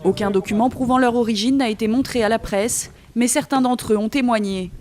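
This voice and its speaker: A woman narrating a scripted news report in a measured, even way. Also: fairly high pitch.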